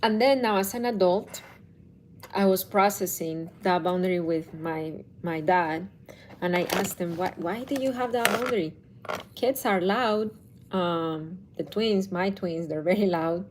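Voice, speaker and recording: Speaking to camera, a woman who seems to be in her thirties works as a parenting coach, musing casually and slowly. She often restarts and corrects herself. Her voice is lowish, with slight background noise.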